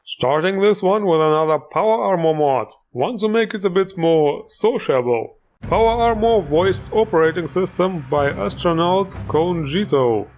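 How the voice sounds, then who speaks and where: A man's voice: high voice, expressive, moderate pace, darkish tone, faint music behind. A man hosting a game mod showcase, upbeat and joking, with plenty of enthusiasm. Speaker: host.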